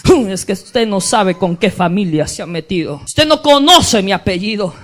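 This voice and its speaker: A man's voice: high voice, lively intonation, moderate pace, a bit bright, pitched below the performer's own voice. A man voicing an arrogant man who boasts about his family and threatens others in a sermon illustration.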